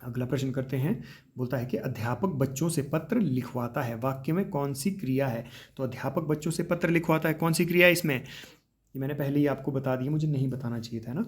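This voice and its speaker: A man teaching grammar for a police exam, explaining step by step, calling his students children, and often tagging his points with a quick "right?". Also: medium pitch. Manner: explains step by step, addresses students as children, repeats with tag questions. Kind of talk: exam-prep grammar lesson.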